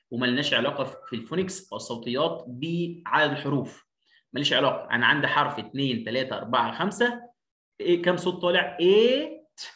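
Egyptian male phonics teacher, emphatic repetitive drilling, mid-pitched voice, echoey room sound. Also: fairly bright tone. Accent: Egyptian Arabic. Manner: drills words by repeating them, emphatic. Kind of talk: online lesson. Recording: roomy echo.

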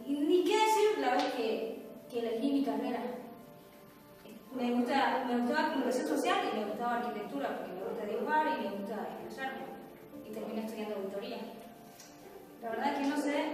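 A young woman with a Bolivian accent giving a self-mocking, confessional stage monologue. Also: on the high side. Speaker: acting student. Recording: echoey hall, far from mic, music behind.

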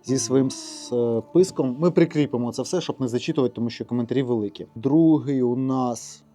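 A man with a Ukrainian accent co-hosting a casual show, reading out giveaway winners in a brisk, offhand way. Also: medium pitch, mellow. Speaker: co-host.

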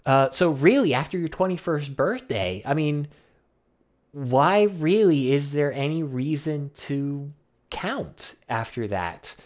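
A man's voice: on the high side, expressive, slow, darkish tone. Wry, rambling young man vlogging. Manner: rambling and wry, with frequent fillers and mild swearing. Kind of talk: casual rambling monologue.

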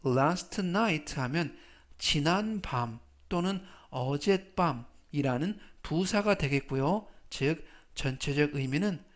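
A man teaching English vocabulary in Korean in a slow, careful lesson, patiently repeating each word three times. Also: on the high side.

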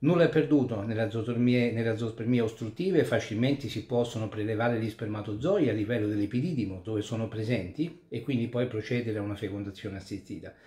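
A man, a urologist and andrologist, calmly explaining a medical topic step by step to viewers. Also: on the low side, fairly quick, hardly any pauses. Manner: calm, methodical, explanatory with occasional restarts. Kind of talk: explainer talk to camera. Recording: echoey room.

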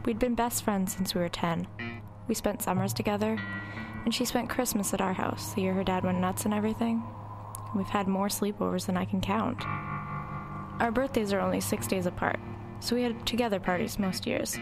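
With a mid-range voice and fairly even intonation, a woman narrates in the first person as a wry, reflective figure looking back on her troubled girlhood, confiding and dramatic. She speaks at normal speed, lightly acted, with music behind her.

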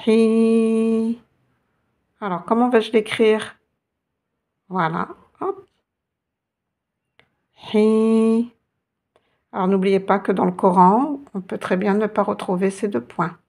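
Slow, patient woman teaching a lesson. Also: mid-range voice, vocal fry. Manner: slow, patient, instructive, repeats letter sounds. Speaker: Arabic teacher. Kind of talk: online language lesson.

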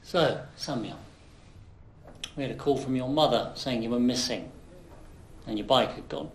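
An actor playing a calm police officer questioning a boy, speaking in a measured, slightly halting way. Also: medium pitch, slight background noise, lightly acted. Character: calm male police interviewer. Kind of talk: film acting.

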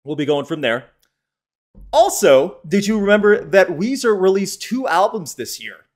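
A man's voice: high-pitched, big pitch swings, moderate pace. A man hosting a live-streamed podcast, talking in a chatty, opinionated way and answering the chat as he goes. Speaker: podcast host.

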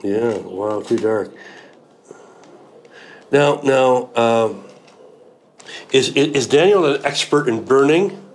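A middle-aged man chatting casually while looking at gems, with excited exclamations and lots of repeated words. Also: mid-range voice, takes it slowly, long pauses, slight background noise. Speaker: gem hunter host.

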